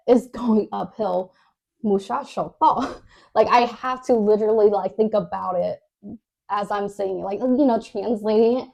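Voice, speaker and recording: A mid-range, creaky woman's voice with a darkish tone comes through with the highs cut off. She's a podcast co-host telling her story casually and hesitantly, full of fillers, restarts and little laughs, laughing often as she talks.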